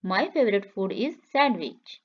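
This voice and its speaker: A woman reading English practice questions and answers slowly for learners, saying each line twice in a clear, measured way. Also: mid-range voice, expressive, highs cut off. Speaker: English teacher. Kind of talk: slow repeated phrase reading for learners.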